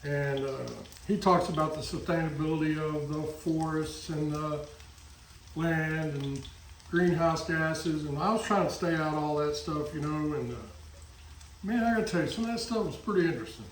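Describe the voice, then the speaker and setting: A man's voice: on the high side, normal speed, distant mic, slight background noise. A man from Texas with a Texan accent, chatting casually while he cooks in his kitchen, folksy and full of asides. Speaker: cooking vlogger. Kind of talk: casual cooking chat. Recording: echoey, from off-mic, frying in background.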